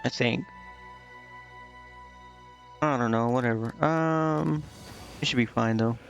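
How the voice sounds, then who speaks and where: A male livestreamer slowly thinks aloud through a strategy role-playing game, muttering casually as he puzzles it out. His medium-pitched voice carries vocal fry, and game music can be heard.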